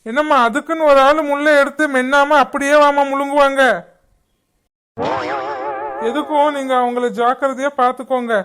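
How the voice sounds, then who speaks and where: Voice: medium pitch, flat delivery, fast talker, faint music behind, lightly acted. A voice actor playing a matter-of-fact hospital doctor in a cartoon. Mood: stern.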